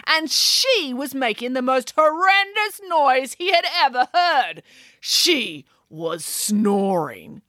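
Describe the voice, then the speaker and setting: A woman's voice: high-pitched, big pitch swings, slow, pushed and bright, no echo, voice pushed up, full character voice. A woman voicing a bossy, grandly confident nanny who tells stories emphatically and theatrically, with a very dry, close sound. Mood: indignant.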